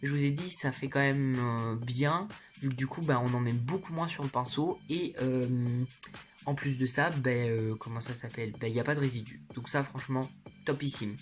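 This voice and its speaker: A woman's voice: very deep voice, normal speed, soft background music. A woman chatting informally and candidly to viewers in a slangy, casual makeup haul vlog, recorded in her bedroom. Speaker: beauty vlogger.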